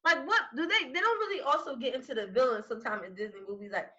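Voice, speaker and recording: A woman's voice: high-pitched, fast, pushed and bright, muffled recording. A woman hosting a casual podcast chat, talking in a loose, slangy way with joking asides. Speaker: podcast host.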